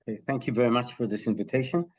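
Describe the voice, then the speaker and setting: A middle-aged health psychology professor, appearing as an interview guest, explains his research in a lively way, peppering his speech with ums and throat-clearing. His voice is medium-pitched and he talks at a racing pace.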